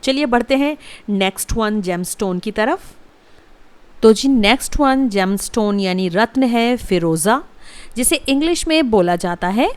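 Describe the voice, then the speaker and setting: A woman's voice: medium pitch, dry recording. A woman teaching English vocabulary, saying each word, spelling it out letter by letter and repeating it. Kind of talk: slow explanatory vocabulary lesson.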